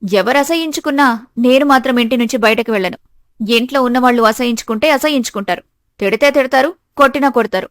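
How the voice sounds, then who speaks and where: A woman's voice: on the high side, fast talker, no echo, studio quality, lightly acted. Woman voicing a meek young daughter-in-law. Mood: defiant. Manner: earnest, pleading. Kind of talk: animated storybook voice acting.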